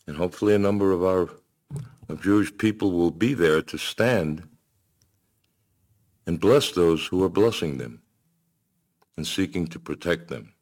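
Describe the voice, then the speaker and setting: Deep-voiced man preaching a sermon. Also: unhurried, pauses often, a little mellow. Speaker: pastor.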